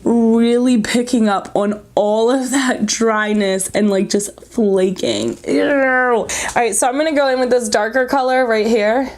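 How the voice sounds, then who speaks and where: A woman's voice: a little high, steady tone, measured pace, hardly any pauses, darkish tone. A woman chatting casually and bluntly as she reviews makeup, sounding short of breath and congested from allergies, almost hyperventilating. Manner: informal, blunt, jokey asides. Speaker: beauty vlogger reviewing makeup. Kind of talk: casual chat to camera while applying makeup.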